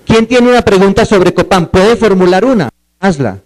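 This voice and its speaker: Male seminar lecturer, slightly high voice, questions the audience and spells words out. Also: lively intonation, normal speed, poor audio.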